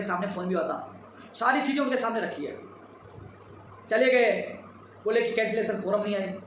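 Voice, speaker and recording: A man's voice: sits high, a bit bright, heavy reverb, recorded from a distance, a little hiss or hum, rough recording. A tired man giving an emphatic, repetitive live update to followers on recruitment demands. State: tired after a long day. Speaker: job-seeker advocate giving updates.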